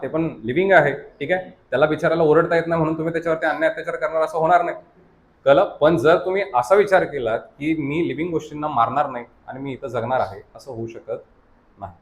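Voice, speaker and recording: A man's voice: a little high, a little hiss or hum. A male science teacher with a Marathi accent, lecturing a class and constantly checking that students understand, mixing English terms into his explanations. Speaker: science teacher at a coaching academy.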